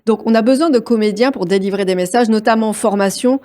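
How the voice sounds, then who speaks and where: A woman's voice: mid-range voice, fast, warm tone. A woman guest on an interview podcast, talking casually about voice-over work, with frequent hesitations and fillers. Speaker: guest, voice-over artistic director.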